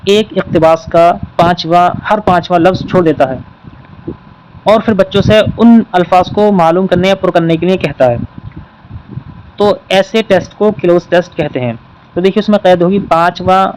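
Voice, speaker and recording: High-voiced man teaching an exam-prep lesson. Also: a little mellow, a little hiss or hum, rough recording. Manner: explains patiently, repeats key points.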